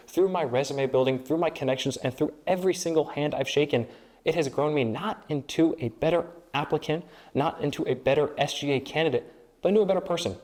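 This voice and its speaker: In an interview, a young student government candidate makes a campaign pitch that sounds like a speech, building rhetorical lists out of repeated phrases. He's a native Spanish speaker raised in Peru and the Dominican Republic, and his voice has a darkish tone.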